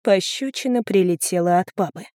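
A woman narrating a first-person audiobook in a calm, even reading manner. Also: fairly low pitch, normal speed, no echo, clean studio sound.

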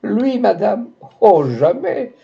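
A man's voice: sits high, very animated, slow pace, gravelly, mellow, husky, dull audio, pitched above the performer's own voice, full character voice. A man reading aloud, voicing an anxious, lovesick young woman in a breathless, pleading way.

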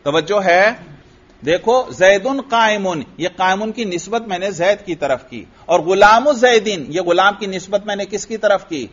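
A man's voice: sits high, a bit bright. A man teaching Arabic grammar in a classroom lecture, asking his students questions and answering them himself, reading Arabic text aloud and then explaining it. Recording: dull lo-fi lecture recording.

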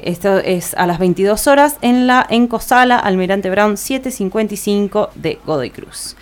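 In a radio studio, a woman with an Argentine Spanish accent co-hosts community radio, reading the week's events agenda. Her voice is smooth and on the high side, and she often says "eh" and corrects herself.

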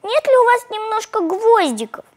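A woman's voice: extremely high pitch, big pitch swings, moderate pace, in a large hall, pitched above the performer's own voice. A woman voicing a tiny, timid creature girl who eats nails, with a thin, shy, sniffly little voice, in a storybook reading. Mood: shy, pleading.

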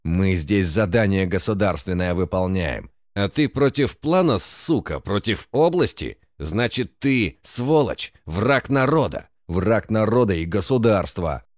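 A man voicing a drunk, brutal man leading a lynch mob, shouting and cursing in a menacing way. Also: on the low side, animated, measured pace, no echo, studio quality. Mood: furious. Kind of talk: audiobook character voice.

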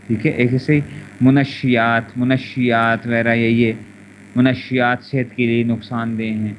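A man's voice: mid-range voice, little pitch movement. Man, Pakistani Urdu accent, grammar teacher, online lecture, repetitive drilling, dull lo-fi voice chat, faint hiss. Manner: repetitive, drilling word pronunciations and conjugations. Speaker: teacher of Arabic morphology. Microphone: internet voice chat room.

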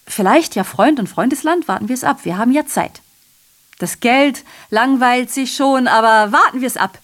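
A woman with a somewhat high voice, speaking at a moderate pace, plays a sardonic messenger and broadcaster of grim past events in a radio drama. Her performance is lightly acted, mocking and theatrical, with moments of confiding.

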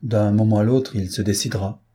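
A man voicing a loyal hotel boy who serves as a henchman in an audiobook, reporting briskly and dutifully. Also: lowish voice, fairly even intonation, warm tone, husky. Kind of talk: audiobook character voice.

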